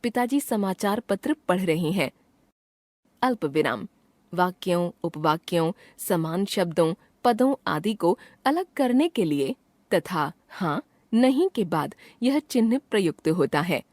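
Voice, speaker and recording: A woman reading a grammar chapter aloud as a lesson, in a clear, measured way, giving her example sentences some expression. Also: lowish voice, animated, a little mellow, no room sound. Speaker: teacher reading a textbook chapter. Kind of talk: scripted narration of a grammar lesson.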